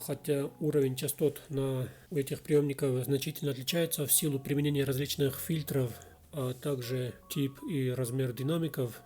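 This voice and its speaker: A man talking through a radio review in a plain, explanatory voice-over. His tone is dark and mellow, and a faint bed of music runs underneath. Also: mid-range voice, steady tone, moderate pace. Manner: explanatory, matter-of-fact.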